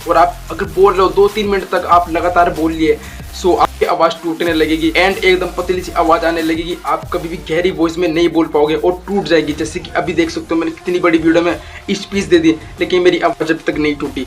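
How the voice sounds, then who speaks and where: A young man casually explaining voice training tips as a YouTube tutor, repeating points and mixing in English phrases. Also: fairly high pitch. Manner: instructive, repetitive, mixes English phrases. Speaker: voice coach YouTuber.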